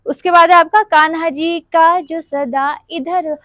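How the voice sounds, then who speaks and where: A woman's voice: very high voice, steady tone, unhurried, a bit bright, no echo, faint music behind. A woman teaching a dance class step by step, counting beats aloud and half-singing song lines as she demonstrates.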